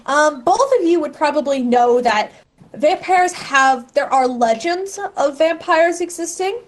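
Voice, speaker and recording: A woman game master narrating a tabletop game casually, halting and rephrasing as she thinks aloud. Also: high-pitched.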